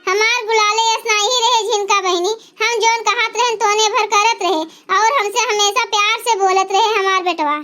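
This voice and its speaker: A shrill, squeaky cartoon mother-in-law, played by a woman who nags and rants without a break. She speaks, and her voice stays very high and bright throughout. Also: fairly even intonation, moderate pace, few pauses. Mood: scolding. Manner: nagging, ranting, name-calling. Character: sharp-tongued older mother-in-law, scolding and bitter. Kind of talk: cartoon voice acting.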